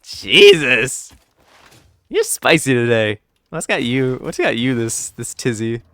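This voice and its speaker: A man's voice: medium pitch, very animated, moderate pace, a bit bright, clear, resonant tone, no echo. A man chatting casually on a live game stream, playful and teasing, swearing freely at his chat.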